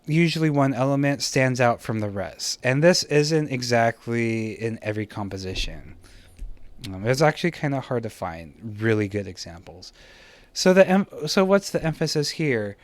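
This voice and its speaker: A man's voice: medium pitch, no room sound. A man teaching a slideshow lesson on art composition, talking casually with many fillers and self-deprecating asides.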